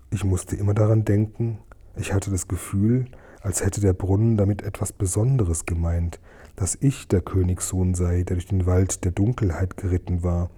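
A man reading a children's storybook aloud in a gentle, measured narrating voice. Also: sits low, slightly rough. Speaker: audiobook reader.

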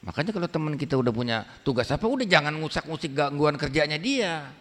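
Man preaching colloquially in a reverberant hall. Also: fast talker. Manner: colloquial, emphatic, lively swings in pitch. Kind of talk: dawn religious talk.

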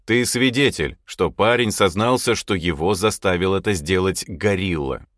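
A man voicing a stern, commanding older man who speaks slowly and with calm menace. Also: sits low, no echo, clean studio sound. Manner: slow, measured, commanding.

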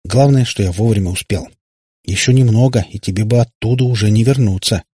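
A man voicing a grumpy, hot-tempered man who grumbles but softens quickly. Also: on the low side, dry recording, studio quality. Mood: calm. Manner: gruff, grumbling.

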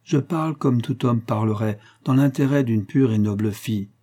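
A man's voice: medium pitch, moderate pace, warm tone, natural voice. A man reading the part of a brave, honest young man standing up to a gunman in a Western story. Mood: firm. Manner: firm, defiant. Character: brave honest unarmed young male rival.

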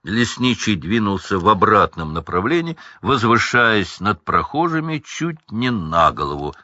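A man narrating a children's storybook aloud in a calm, measured way. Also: lowish voice, no echo, dull audio. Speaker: audiobook reader.

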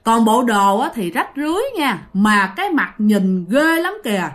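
A woman's voice: a little high, big pitch swings, normal speed. A woman with a Southern Vietnamese accent telling a ghost story in a chatty way, often turning to her listeners. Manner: conversational, addresses listeners directly.

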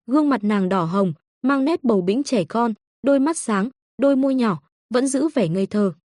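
Woman reading a story audiobook, steady, kinda high, dry close sound. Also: moderate pace, dry recording. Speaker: audiobook narrator. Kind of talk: scripted story narration.

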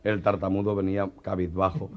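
A man's voice: deep voice, flat delivery, brisk. A male comedian telling jokes in a chatty storytelling manner. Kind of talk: joke telling. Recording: dull old cassette tape.

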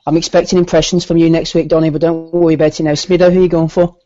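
A man hosting a casual group chat, briskly running through a list and calling on each guest. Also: on the high side, flat delivery, dark tone, no room sound, lo-fi sound. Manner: brisk, runs the round of votes. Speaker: podcast host.

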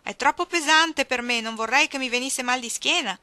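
A woman voicing a tired old man who shouts back wearily from a distance. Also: high voice, moderate pace, no room sound, voice pushed up. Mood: weary. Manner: weary, complaining shout. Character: tired old man resting under a tree.

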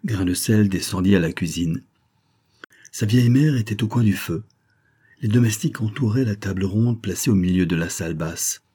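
A man with a low, mellow voice reads a classic adventure novel aloud. His tone is dark and a little husky, and he steps up in pitch whenever a character speaks. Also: normal speed. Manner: reads all characters, raising pitch for their lines. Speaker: audiobook reader. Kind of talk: scripted narration.

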